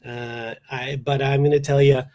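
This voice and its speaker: A man hosting a solo comedy podcast in a studio, ranting sarcastically with deadpan asides and bursts of mock outrage. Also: mid-range voice, normal speed. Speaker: podcast host.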